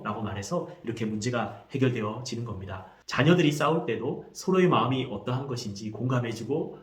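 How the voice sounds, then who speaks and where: Man, parenting lesson, calm explanatory tone, mid-range voice, echoey room. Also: medium pitch. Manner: calm, explanatory, acts out short dialogues. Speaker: parenting teacher. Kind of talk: instructional talk.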